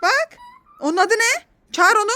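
A mother and vlogger in her thirties films a family vlog, talking to her kids and viewers in a playful, coaxing way and exclaiming often. Her very high voice is animated, pushed and bright, at a moderate pace.

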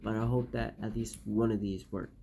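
A young man playing a guilt-ridden doctor in an amateur found-footage diary, talking in a halting, subdued, weary way. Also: fairly low pitch, steady tone, vocal fry, warm tone. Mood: weary, hopeful. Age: young adult. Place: small bedroom, indoors. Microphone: phone at arm's length. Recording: noisy phone recording with clicks.

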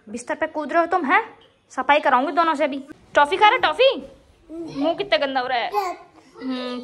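A young woman vlogging casually at home, chatting and scolding her children as she films around the house and yard. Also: high-pitched. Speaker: vlogger and mother. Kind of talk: casual home vlog chat. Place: home and yard, outdoors and indoors. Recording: noisy phone recording.

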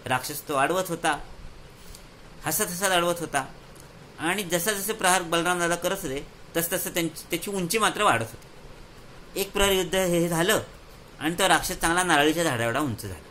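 A man telling a moral story to children, lively and explaining, often repeating words for effect. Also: fairly high pitch, normal speed, slight background noise, rough recording.

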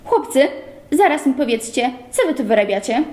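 A woman voicing a frail but firm middle-aged mother who speaks slowly and sternly, in an echoey room. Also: high-pitched, sing-song, a little mellow. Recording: roomy echo.

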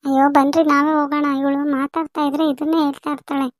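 A woman's voice: sits high, level tone, quick pace, no echo, natural voice. A woman playing a doting village mother who fusses over her daughter in a family skit. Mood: fussing. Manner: fussy, insistent.

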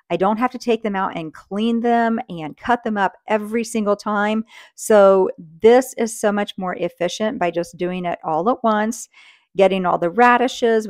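Prepping food in her kitchen at home, a woman gives a casual, friendly how-to for her cooking channel in a mid-range voice with a darkish tone. She keeps the talk practical while she works.

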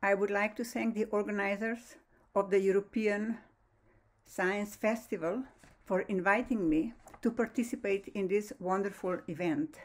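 A woman from Slovenia giving a measured, formal science lecture over slides, with slightly non-native phrasing. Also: medium pitch, steady tone. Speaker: lecturer, astrophysicist. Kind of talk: prepared online science lecture.

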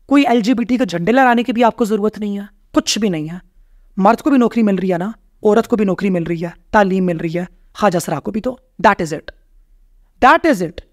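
A woman's voice: mid-range voice, darkish tone, no room sound. Emphatic woman, dry close sound. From Pakistan. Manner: emphatic, rhetorical questions, repeats key phrases. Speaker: podcast guest, rights activist. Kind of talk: conversational interview.

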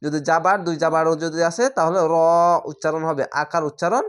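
A woman from Bangladesh teaching a step-by-step Quran reading lesson, sounding out each letter slowly and louder, with plain explanations in between. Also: low voice. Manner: slow, drawn-out letter pronunciation between explanations; sounds the letters out louder and more drawn out than her explanations.

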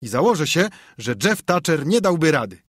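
A man's voice: on the high side, moderate pace, no room sound, clean studio sound, voice pushed up. A man playing a bragging young boy. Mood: boastful. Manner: bragging, excited. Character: boastful young boy, showing off.

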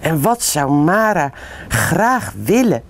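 A woman from the Netherlands reading a bedtime story aloud in a slow, expressive way. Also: deep voice.

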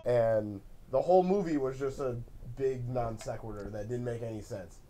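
A man's voice: mid-range voice, moderate pace, over music. A man in his twenties, tipsy, giving a casual comedic movie review on a living room couch. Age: 20s. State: drinking, tipsy. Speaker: film reviewer, host. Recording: noisy living room recording.

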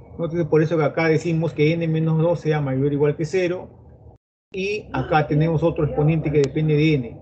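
A man's voice: a little high, darkish tone. A middle-aged man with a Peruvian Spanish accent teaching an online pre-university math class, chatting directly with his students. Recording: dull lo-fi audio with faint noise.

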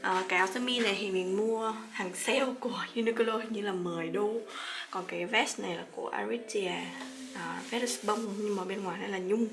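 Against a noisy background, a sleepy young Vietnamese woman talks a little fast in a medium-pitched, fairly even voice. She's a master's student vlogging casually, filling her speech with fillers and frequent laughter.

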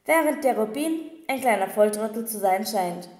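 A woman's voice: medium pitch, lively intonation, normal speed, a little mellow, lightly acted. A woman voicing a cheeky little male gargoyle demon in an audiobook, talking in a mocking, gossipy way. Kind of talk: audiobook reading. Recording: echoey room with long reverb.

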